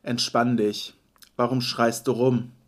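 A young man with a mid-range voice co-hosts a casual podcast. He reads lyrics and makes dry, deadpan jokes at his own expense. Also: medium pitch, slow pace. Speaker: podcast co-host. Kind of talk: casual podcast game banter.

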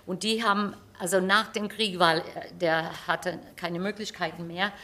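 Older woman, American accent, forceful bright tone, slightly low voice, casual anecdotal storytelling. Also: steady tone, moderate pace. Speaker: stage performer interviewed about a production. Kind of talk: casual anecdotal interview talk.

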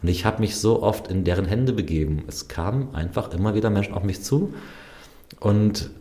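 A man talking in a relaxed, reflective way about his travels, often pausing with hesitations. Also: lowish voice. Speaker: guest, traveler. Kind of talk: casual conversation.

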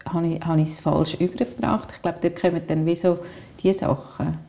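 Warm-voiced Swiss woman, thoughtful podcast talk. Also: on the low side, fairly even intonation, moderate pace, vocal fry. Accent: Swiss German. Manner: thoughtful, repeats words while searching for them. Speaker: podcast co-host, school counselor. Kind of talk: reflective casual chat.

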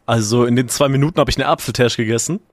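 A man's voice: mid-range voice, fast talker, dry recording, studio quality. A young man co-hosting a casual podcast, rambling and stumbling over words. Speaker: podcast co-host. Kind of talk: casual chat.

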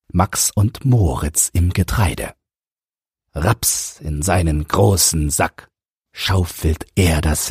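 A man reading rhyming verse aloud for an audiobook podcast, in a measured, rhythmic way. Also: low voice, darkish tone, breathy edge, no room sound, studio quality.

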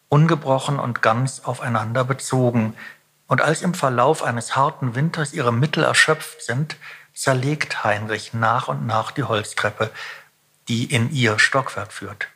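Man narrating with a bright, husky voice. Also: mid-range voice, unhurried. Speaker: podcast host. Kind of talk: scripted narration.

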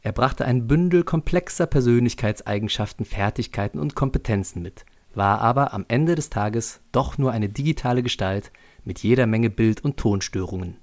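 A man's voice: medium pitch, moderate pace, hardly any pauses, darkish tone. A man narrating a scripted story on a school podcast in a dry, lightly ironic way.

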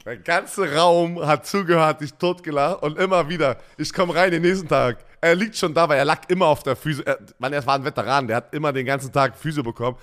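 A German man co-hosting a casual football chat, telling lively stories and laughing often. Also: a little high, brisk, hardly any pauses. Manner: animated storytelling, laughs a lot. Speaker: podcast co-host, former football player.

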